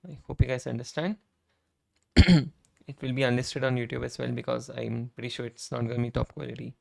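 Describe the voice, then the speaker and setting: Speaking briskly with a steady, slightly mellow mid-range voice, this man chats on his live coding stream despite being hoarse, his voice almost gone. He's conversational, often asks "right?", clears his throat, and types and clicks away as he talks.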